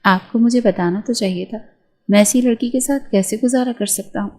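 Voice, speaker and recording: A woman's voice: mid-range voice, darkish tone, natural voice. A woman reading the part of a baffled, impatient young husband in a spoken novel, sounding exasperated.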